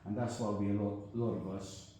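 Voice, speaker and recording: An older Guyanese man with a Guyanese accent reflects as a guest in a rambling, casual discussion, often asking "you know what I mean?" His voice is on the low side and warm, with a level tone and a slightly fast pace. The room is echoey, with faint noise.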